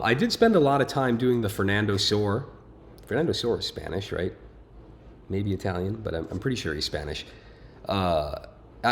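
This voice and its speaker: A man's voice: deep voice, slight background noise. A man hosting a casual video, reading a viewer's letter aloud and breaking off to comment in an informal, rambling way.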